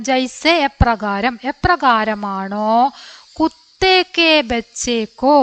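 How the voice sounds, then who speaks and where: A woman's voice: a little high, a bit bright, no room sound. A woman teacher explaining a textbook chapter line by line. She reads each line, translates it, then asks the listener questions about it. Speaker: Hindi teacher.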